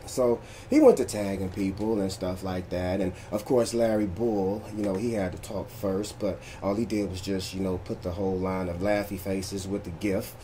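A man's voice: sits low, steady tone, normal speed, few pauses, warm tone, a little hiss or hum. A man hosting a casual commentary vlog, joking loosely and reading posts aloud. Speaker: vlog host recapping battle rap drama.

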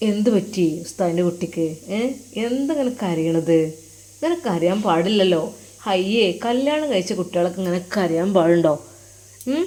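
A woman's voice: fairly low pitch, expressive, normal speed, mellow, close to an everyday voice. A woman voicing a tender old religious teacher. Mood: coaxing. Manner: coaxing, tender, questioning. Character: kindly old male religious teacher, affectionate. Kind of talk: storytelling.

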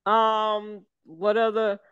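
Slow, smooth-voiced older woman from the South. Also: medium pitch, monotone, a bit bright, no room sound, dull audio. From American South. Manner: slow, meandering, many fillers and restarts. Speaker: guest, syrup maker. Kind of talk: casual interview over video call. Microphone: video call.

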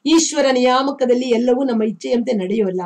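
A woman reading the part of a calm, gentle young male ascetic who gives measured, soothing advice. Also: fairly high pitch, lightly acted.

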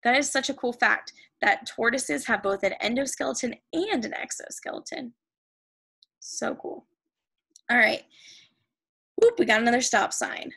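An American woman teaching a recorded reading lesson to children, reading the text aloud slowly and then explaining it with enthusiasm. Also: on the high side, animated, gravelly, bright, forceful tone, slightly rough.

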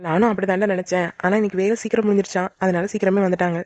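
A voice actor playing a caring older sister in a cartoon who speaks in a brisk, matter-of-fact way. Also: medium pitch, fairly even intonation, a little mellow, dry recording, lo-fi sound, lightly acted. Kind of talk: cartoon voice acting.

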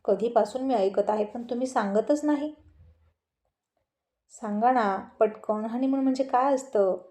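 A naive, innocent young bride, as a woman storyteller puts her on asks her questions in a pleading, childlike manner. The voice sits fairly high but stays soft and mellow, the way a woman reading a story aloud would lend it. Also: measured pace, natural voice. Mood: curious.

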